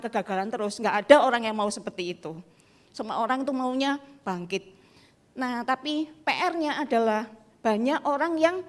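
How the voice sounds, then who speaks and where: A woman pastor, preaching a sermon in a lively storytelling way and acting out the people in her stories. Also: on the high side. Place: church.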